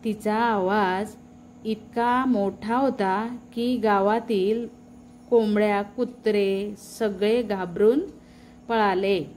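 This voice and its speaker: A woman narrating a children's story, pausing to ask the young listeners questions. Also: mid-range voice, steady tone, slight background noise. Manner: warm asides to young listeners.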